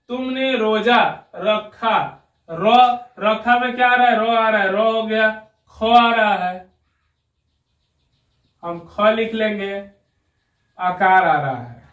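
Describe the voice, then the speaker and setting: A high-voiced man leads a patient spelling lesson at an unhurried pace. He keeps checking that his learner is following and asks them questions along the way. His voice sits a little back from the mic in an echoey room. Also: fairly bright tone, far from the mic, muffled recording. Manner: patient, keeps asking "ठीक है ना" and quizzing the learner. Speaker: Urdu teacher. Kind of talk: slow spelling lesson at a whiteboard. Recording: roomy echo, voice a little off-mic.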